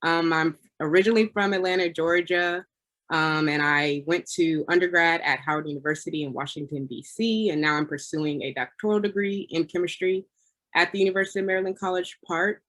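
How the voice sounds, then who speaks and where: A woman's voice: fairly low pitch, fairly quick, a bit bright. Woman, earnest, frequent ums, self-introduction, video call, doctoral student. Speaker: chemistry doctoral student, panelist.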